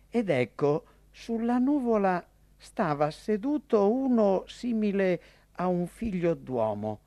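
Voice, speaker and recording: A man giving a solemn, measured scripture reading. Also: fairly high pitch, mellow, no room sound.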